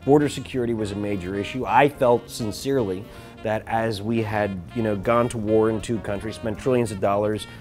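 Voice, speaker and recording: A man as interview guest, telling stories in an animated way with frequent restarts. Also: on the low side, brisk, soft background music. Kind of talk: casual chat, storytelling.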